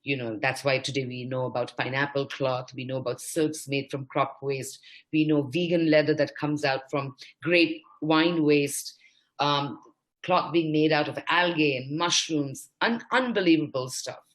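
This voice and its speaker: A woman from India speaks on a discussion panel with a low, deep-set voice. She argues with real passion and pushes up into a higher register for emphasis. Her delivery is emphatic and driven. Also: measured pace. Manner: impassioned, emphatic.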